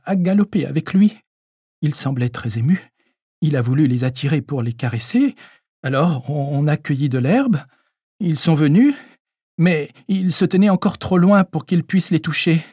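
A man's voice: high voice, a little mellow, slightly rough, no room sound, clean studio sound, voice pushed up, heavily acted. A man voicing a shaken elderly woman who tells what happened in a hiccuping, choked voice. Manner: hiccuping, breathless telling. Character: shaken old woman, sobbing out her account.

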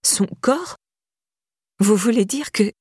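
A woman's voice: a little high, moderate pace, darkish tone, breathy edge, no room sound, clean studio sound, pitched above the performer's own voice. A woman voicing an anxious young woman questioned by the police, talking in a pleading, rising, panicky way. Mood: shocked.

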